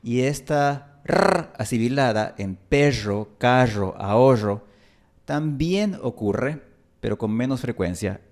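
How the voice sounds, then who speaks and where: A man with an Ecuadorian highland Spanish accent teaching a language lesson, deliberately spelling out and repeating sample words. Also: animated, a little mellow.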